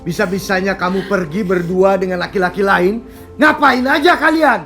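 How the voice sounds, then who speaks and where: A man's voice: fairly high pitch, animated, moderate pace, soft background music, close to an everyday voice. An actor playing a hot-tempered young husband who scolds his wife angrily. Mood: scolding. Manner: scolding, angry. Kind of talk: TV soap acting.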